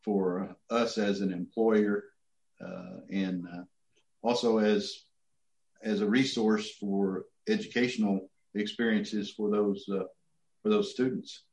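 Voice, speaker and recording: A middle-aged man answering interview questions as a city manager, in a halting, folksy, casual way. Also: fairly low pitch, steady tone, a little mellow. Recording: muffled, echoey room sound.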